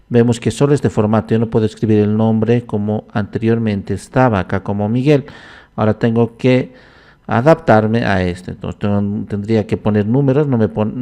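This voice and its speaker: A man walking through a computer program in a screen-recorded tutorial, talking his steps aloud in an unhurried way and often pausing on "entonces". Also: on the low side, dark tone. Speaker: software instructor.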